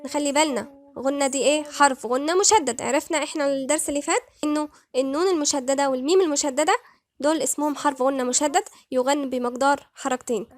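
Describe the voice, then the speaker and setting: A woman with an Egyptian accent teaching Quran recitation rules, patiently repeating words slowly syllable by syllable. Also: high voice, dry recording. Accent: Egyptian Arabic. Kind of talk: tajweed lesson, slow recitation.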